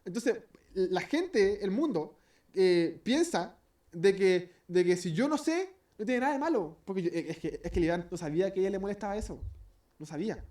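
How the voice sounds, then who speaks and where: A man with a Chilean accent teaches an informal Bible study in a high-sitting, expressive, mellow voice at normal speed. He's chatty and corrects himself, acting out everyday scenes as examples. His voice is distant from the mic.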